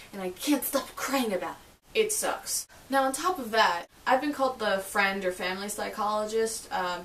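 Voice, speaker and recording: A woman's voice: medium pitch, a bit bright. A woman talking to camera in a casual, self-deprecating vlog, chatty and emphatic. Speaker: vlogger. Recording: echoey room, mic at a distance, faint hiss.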